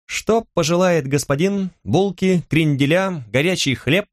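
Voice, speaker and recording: A man's voice: a little high, a little slow, no echo, studio quality, pitched above the performer's own voice, lightly acted. A man voicing a polite, eager twelve-year-old boy who works in a bakery, in a storybook reading. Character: shy helpful boy baker's apprentice, about twelve.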